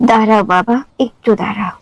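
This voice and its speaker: A woman voicing a kindly old village grandmother in a cartoon, speaking gently and softly. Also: mid-range voice, fairly even intonation, a little fast, gravelly, close to an everyday voice, rough recording. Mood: gentle.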